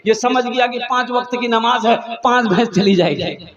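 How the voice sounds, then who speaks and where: Over an echoey, dull, lo-fi PA system, a male Islamic preacher at a religious gathering sings refrains, shares funny stories in his sermon, and calls on the crowd to answer. He speaks at normal speed in a very high-pitched, fairly bright voice.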